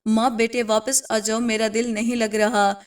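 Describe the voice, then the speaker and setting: A woman's voice: on the high side, flat delivery, recorded from a distance, lightly acted. A woman voicing a grieving, trusting father in a storybook tale, with sorrowful, lamenting speech. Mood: mournful.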